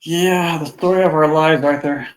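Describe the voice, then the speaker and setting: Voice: medium pitch, steady tone, moderate pace. Blunt talker with a big echoey room sound. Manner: blunt and heated, stumbling over restarts. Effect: echoey sound, as if in a big bare room. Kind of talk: casual opinion chat. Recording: echoey, roomy mic sound.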